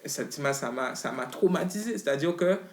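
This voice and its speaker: A man's voice: mid-range voice, expressive, a little fast. A man, a rapper talking as an interview guest in a loose, slangy way full of restarts. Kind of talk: casual interview chat. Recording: roomy echo.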